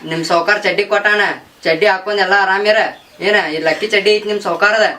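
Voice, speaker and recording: Guy playing a kind village man calming someone down, fast bright voice, north karnataka accent. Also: sits high, slight background noise. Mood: soothing. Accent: North Karnataka Kannada. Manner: soothing, reassuring. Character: kindly village man consoling a servant.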